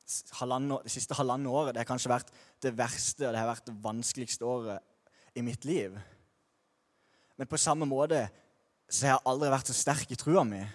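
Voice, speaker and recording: A man's voice: mid-range voice, big-room sound. A young man sharing a personal faith testimony in a candid, slangy way, with frequent restarts.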